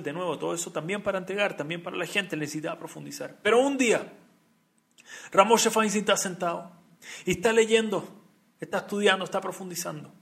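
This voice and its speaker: Male Torah teacher, sermon storyteller; gravelly voice, emphatic repetitive delivery. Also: a little high, a bit bright.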